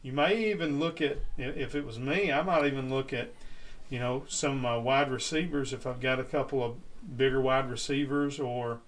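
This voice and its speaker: A man chatting casually about sports as a co-host. His talk is folksy and rambling, full of restarts and plain-spoken turns of phrase, at a middling pitch. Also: steady tone, moderate pace. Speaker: podcast co-host.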